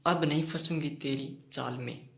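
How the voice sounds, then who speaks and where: A mischievous fairy queen who teases and complains, as a man reads her lines in his own slightly high, flat voice. The sound rings in a roomy, echoey space. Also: moderate pace, vocal fry. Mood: teasing. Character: mischievous female fairy queen, young-seeming.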